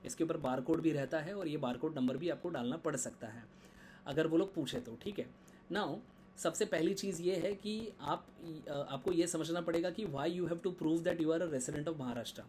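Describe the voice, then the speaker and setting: A man's voice: a little high, normal speed, darkish tone, a little hiss or hum. Chatty man explaining admissions steps. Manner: conversational, code-switching in English, frequent "theek hai" check-ins. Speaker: law admissions tutor. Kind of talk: screen-share explainer lesson.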